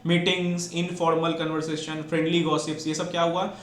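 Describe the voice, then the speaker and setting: A man's voice: fairly high pitch, flat delivery, fairly quick. A man teaching an exam-prep lecture, mixing Hindi and English and asking and answering his own questions. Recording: echoey room with faint noise.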